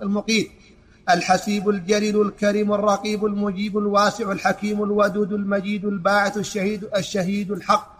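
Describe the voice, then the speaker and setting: A man reading a classical text aloud in a lesson, in a flat, even recitation with small stumbles and restarts. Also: high voice, slightly rough.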